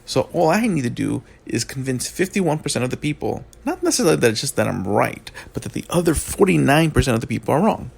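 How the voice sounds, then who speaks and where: Groggy, slightly creaky male political commentator. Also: mid-range voice, very animated, quick pace, hardly any pauses. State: groggy, just woke up. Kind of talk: casual unscripted political commentary.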